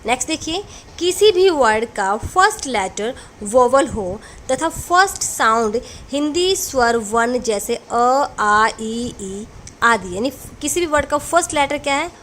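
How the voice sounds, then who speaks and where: A woman's voice: sits high, animated, unhurried, fairly bright tone, slight background noise. A woman teaching English grammar in a classroom lesson, explaining rules patiently and answering her own questions as she goes.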